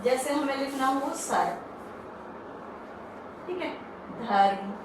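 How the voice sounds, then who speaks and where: A woman teaching a Hindi lesson to children, explaining slowly and patiently and asking the class questions. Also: high-pitched, lively intonation, distant mic. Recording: echoey room, off-mic, faint hiss.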